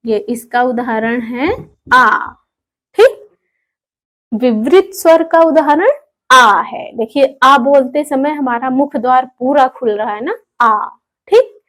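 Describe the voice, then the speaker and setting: A woman teaching a Hindi grammar lesson online, patiently repeating each term and asking her students rhetorical questions. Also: high voice. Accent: Indian Hindi.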